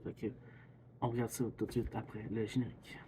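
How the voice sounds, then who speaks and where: A man's voice: fairly low pitch, little pitch movement, a little fast, very noisy. A man with a Québécois accent chatting casually as he reacts to a video, rambling and chuckling. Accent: Québécois French. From Quebec. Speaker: YouTube reaction host.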